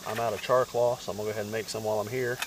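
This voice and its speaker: A man casually narrating his camp cooking outdoors in the woods, relaxed and plain-spoken, giving practical tips. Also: fairly low pitch, rapid-fire, background noise. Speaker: outdoors vlogger.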